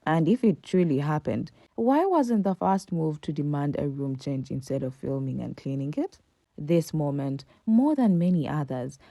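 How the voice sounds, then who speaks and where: Low, dark-voiced woman narrating commentary. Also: dry recording. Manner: emphatic, rhetorical questions. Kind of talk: scripted commentary voice-over.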